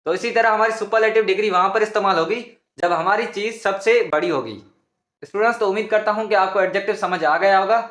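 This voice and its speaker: A man's voice: high voice, fairly bright tone, reverberant. A man teaching English grammar in a patient, repetitive lesson, often calling his viewers students. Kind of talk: explanatory classroom lesson.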